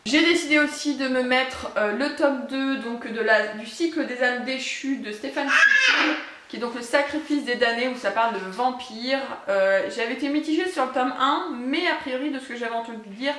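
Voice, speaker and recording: A woman with a fairly high voice chats casually about her reading plans, often pausing on fillers. Her voice rings a little in an echoey room. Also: lively intonation, noisy background. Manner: chatty, many hesitations. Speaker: book vlogger. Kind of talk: casual book haul chat.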